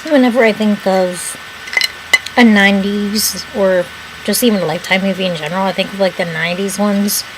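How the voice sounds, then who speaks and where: Young woman, mukbang vlogger, casual rambling chat, casual swearing, mid pitch, noisy recording. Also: steady tone, a little fast. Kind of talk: casual chat while eating. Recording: noticeable background noise.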